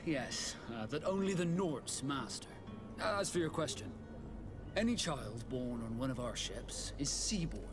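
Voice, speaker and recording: A proud captain of a sailors' guild in a video game. He speaks with measured dignity in a slightly high voice over clear music. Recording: music behind the dialogue.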